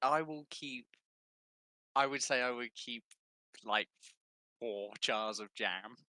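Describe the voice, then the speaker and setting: A man's voice: mid-range voice, takes it slowly, pushed and bright, dry recording. A man playing a tabletop game, talking in a playful, wheedling way. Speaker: player.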